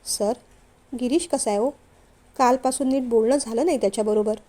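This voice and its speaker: A woman's voice: fairly high pitch, fairly quick, warm tone, natural voice. A woman voicing a frank, bold young female employee in a storybook reading. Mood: worried.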